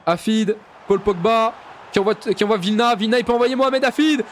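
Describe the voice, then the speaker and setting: A man giving excited play-by-play commentary over a football video game, shouting out goals like a mock commentator and dropping into low mumbled asides between bursts. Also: a little fast, a little hiss or hum. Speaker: gaming YouTuber.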